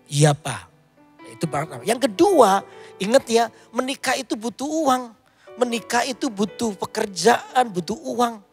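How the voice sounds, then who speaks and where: A man's voice: very high voice, lively intonation, normal speed, faint music behind. A male pastor preaching a sermon, telling stories with quoted dialogue and rising to emphatic points.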